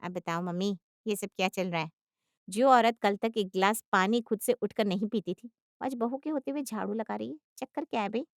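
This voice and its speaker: A woman voicing a sharp, quick-witted adult daughter who questions briskly. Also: mid-range voice, no room sound, studio quality, lightly acted. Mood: probing.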